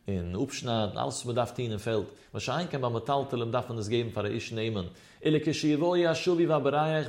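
A man teaching a Talmud study lecture, explaining emphatically with his pitch swinging up and down. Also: a little mellow.

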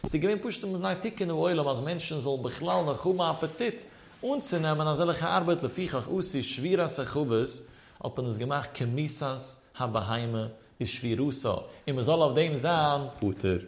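A man teaching a religious legal text. He reads Hebrew passages in a quick chant, then explains them in German. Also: on the high side, lively intonation. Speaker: Torah teacher. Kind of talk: Talmudic lesson mixing Hebrew text with Yiddish-style German.

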